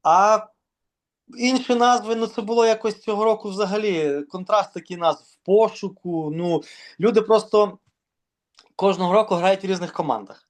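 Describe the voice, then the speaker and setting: A man from Ukraine, a volleyball organizer, talking casually in an interview and pausing often with fillers and restarts. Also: sits high, steady tone. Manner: hesitant, many fillers and restarts.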